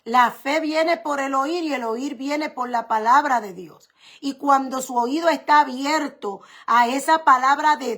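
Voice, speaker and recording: High bright-voiced woman pastor preaching slowly. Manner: preaching with emphatic repetition and rhetorical questions. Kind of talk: sermon.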